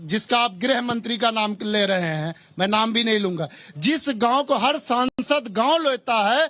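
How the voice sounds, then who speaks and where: A man's voice: extremely high pitch, moderate pace, pushed and bright. A young man, a farmer's son, challenging the panel from the audience in a heated way. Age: young adult. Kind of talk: questioning from audience.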